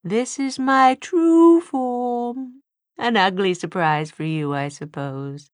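A woman voicing a bitter, proud female demon with a high, thin voice, drawn out slowly and hissing. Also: no room sound, studio quality. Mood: sneering.

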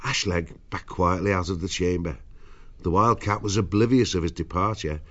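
Low-voiced male storyteller, slightly muffled. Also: normal speed, fairly bright tone. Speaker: audiobook narrator. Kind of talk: dramatic scripted storytelling.

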